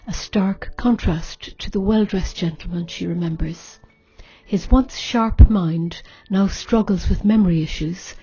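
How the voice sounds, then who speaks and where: A woman's voice: medium pitch, mellow, slightly rough. A woman reading a scripted story summary as narration. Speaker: reader, writing group member. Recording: slightly dull sound, faint music.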